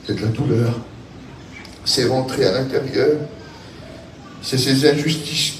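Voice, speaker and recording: A man with a southern French accent preaching a sermon in an impassioned, repetitive cadence that builds to shouting. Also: mid-range voice, fairly even intonation, a little slow, a little hiss or hum. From France. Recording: echoey hall, voice from a distance, faint ambience.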